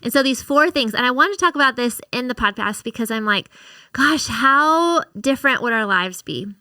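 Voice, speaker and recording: A woman co-hosting a faith podcast, telling a story in an animated, chatty way on a close mic. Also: on the high side, moderate pace, clean tone, dry recording. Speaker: podcast co-host.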